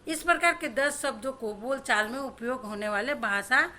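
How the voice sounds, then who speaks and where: A woman's voice: sits high, normal speed, bright, forceful tone. A woman teacher explaining a school lesson step by step, now and then mixing English words into her talk.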